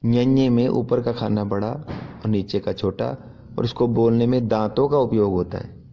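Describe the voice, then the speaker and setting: A man's voice: mid-range voice, fairly even intonation, moderate pace, highs cut off. A man teaching how to write letters step by step, carefully pointing out common mistakes and repeating corrections. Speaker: Punjabi writing teacher. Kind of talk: step-by-step handwriting lesson.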